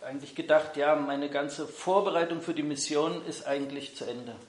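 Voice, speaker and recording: In an echoey hall, a man with a fairly high voice and moderate pace makes church announcements and interprets a guest's words live. He sounds friendly yet unsure, filling gaps with frequent ums while moving between languages.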